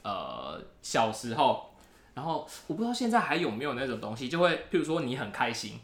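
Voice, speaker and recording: A man with a Taiwanese Mandarin accent co-hosts a loose, casual podcast. He sets up joke quiz questions like a storyteller, and his voice comes across bright and forward. The recording has a roomy echo from an unfamiliar space. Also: medium pitch, very animated, fairly quick. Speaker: podcast co-host.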